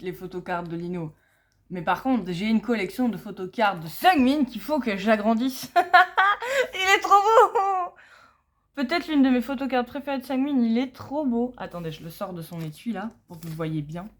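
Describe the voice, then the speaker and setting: A young woman chatting casually and using slang while she unboxes an album, reading English text slowly, recorded on a phone at home. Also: fairly low pitch, darkish tone. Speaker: unboxing vlogger.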